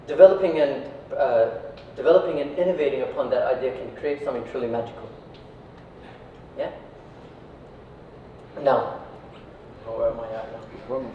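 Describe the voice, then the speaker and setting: A company founder from Iraq gives an informal motivational talk to a live audience in a very echoey room, speaking conversationally and peppering his sentences with tag questions like "right" and "yeah." His medium-pitched voice moves at normal speed with frequent pauses. The distant mic makes the recording dull, with faint noise.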